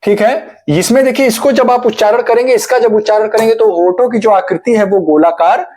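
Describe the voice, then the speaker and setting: A man's voice: high voice, brisk, a little mellow. A man teaching an exam-prep grammar lesson, asking questions and answering them himself while repeating each key term. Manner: addresses viewers as friends.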